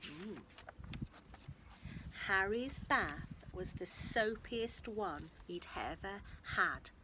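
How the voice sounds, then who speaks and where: Reading a picture book to young children, a woman who tells stories at an infant school speaks extremely slowly with lively intonation in a medium-pitched voice. She's expressive and emphatic and talks with her young audience as she reads. There's background noise.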